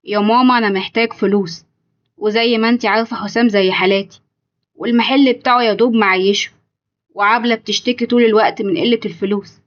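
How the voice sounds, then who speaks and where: A woman's voice: a little high, steady tone, fast talker, muffled recording, natural voice. A woman voicing a stressed, complaining grown son with an Egyptian accent, in a told story. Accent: Egyptian Arabic. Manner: complaining, agitated.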